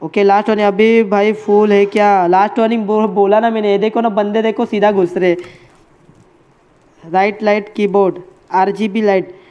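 A man's voice: high-pitched, level tone, normal speed, lo-fi sound. A man streaming a game live, chatting casually with his viewers and friends. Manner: chatty, addresses chat and friends as bhai.

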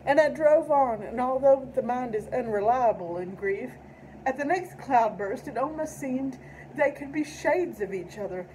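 A woman's voice: sits high, moderate pace, warm tone, a little hiss or hum, low-quality recording. Appalachian woman reading poetry. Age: middle-aged. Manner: careful enunciation. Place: indoor room at home.

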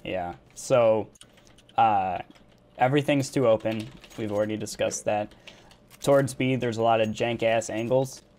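A man's voice: on the low side, unhurried, a little mellow. A man in a gaming voice chat giving blunt, teasing feedback on a level.

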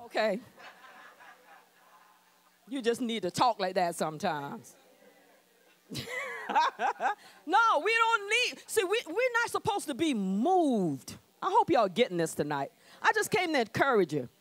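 A woman's voice: fairly high pitch, big pitch swings, a little slow, pauses often, fairly bright tone. A woman pastor preaching a sermon in a bold call-and-response manner to her congregation. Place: church sanctuary.

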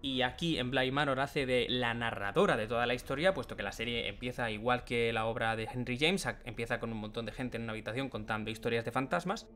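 A man's voice: medium pitch, quick pace, few pauses, fairly bright tone, a little hiss or hum. A man from co-hosting a podcast, chatting casually and explaining things at length. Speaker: podcast co-host. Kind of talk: casual chat.

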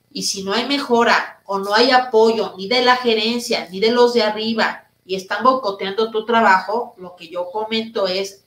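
A woman therapist and speaker answering audience questions in a live online talk, speaking loudly and emphatically and asking her listeners questions. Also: medium pitch, reverberant, rough recording. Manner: addresses listeners directly with rhetorical questions.

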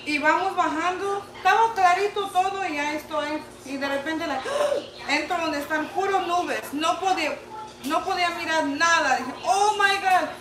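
Young mother co-hosting a livestream; excitable, high voice; echoey, distant, noisy audio. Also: moderate pace. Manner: excitable, mixes in English words. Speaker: co-host, mother. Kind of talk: casual livestream storytelling.

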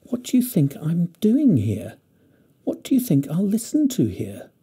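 A wistful young fir tree, put on by a man with a dark, mellow voice, full of longing and anxious wonder. Its eager questions lift upward in pitch in a storybook reading. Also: wildly swooping pitch, a little slow, breathy edge, exaggerated voice. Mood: bewildered.

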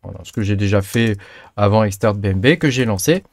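The crypto mining channel host here speaks fast in a lowish voice, recorded dry. His screen-recording tutorial is casual and chatty, crowded with fillers and tag words like a trailing "hein."

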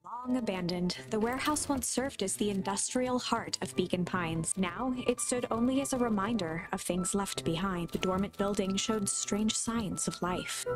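A woman's voice: mid-range voice, normal speed, hardly any pauses, lightly acted, rough recording. A woman acting as a solemn storybook narrator for a mystery game, telling the tale in a scripted dramatic style. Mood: solemn, ominous. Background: music.

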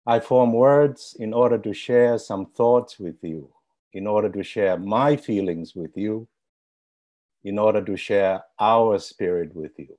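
Slow, deep-voiced man reciting a poem. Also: warm tone. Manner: slow, measured poetic recitation. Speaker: stand-in poet. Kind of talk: reading a poem as a benediction.

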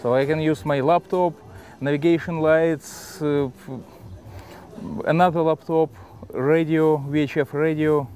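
Russian accent guy explaining stuff in halting broken english, casual interview, music behind him. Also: fairly high pitch, fairly even intonation, a little mellow. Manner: halting, simple broken English with repeated words. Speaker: adventurer and sailor, interviewee. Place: on a sailboat in a marina, cockpit and cabin.

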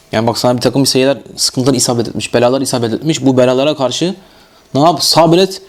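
A man with a Turkish accent teaching Arabic grammar in a classroom lecture. He reads the text aloud, explains it and keeps asking his students questions. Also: mid-range voice.

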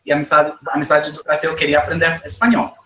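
A young Costa Rican man, a native Spanish speaker with a Costa Rican accent, answers a guest interview in learner Portuguese, hesitating, repeating words, and often adding "sabe?". His voice is rather high, monotone, fast, and fairly bright. He's in a small living room, and the room sounds echoey.

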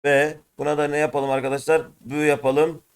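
A man who speaks Turkish natively, teaching an Arabic lesson and drilling letter sounds in loud repeated pairs. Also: a little high, little pitch movement, fairly quick, clear, resonant tone. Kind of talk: classroom lesson.

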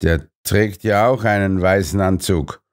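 A man's voice: deep voice, measured pace. A man voicing an impatient male politician who grumbles and whines sulkily. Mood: grumbling. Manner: whiny, sulky.

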